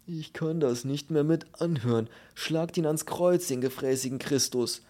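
A man's voice: mid-range voice, normal speed, a little mellow, pitched above the performer's own voice, natural voice. A man voicing a small, bald prisoner who complains and whines in a raised, indignant voice. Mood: aggrieved.

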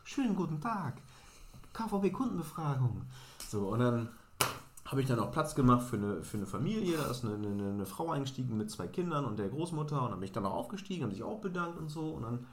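A man co-hosting a podcast tells a casual anecdote with animation and acts out the people in his story. His voice sits at an ordinary middle pitch, and a roomy echo hangs around it. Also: animated, quick pace, slight background noise. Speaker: podcast co-host.

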